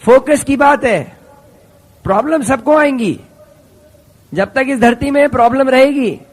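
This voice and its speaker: A middle-aged man from India giving a lively motivational stage talk, speaking in short punchy phrases and asking the audience rhetorical questions. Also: very high voice, a little slow. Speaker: business seminar speaker.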